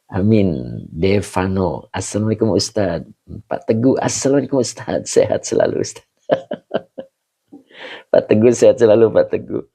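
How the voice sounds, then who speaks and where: A man's voice: on the low side, expressive, measured pace, creaky, long pauses, mellow. A man teaching a live online Quran class, chatty, greeting viewers by name and chuckling often.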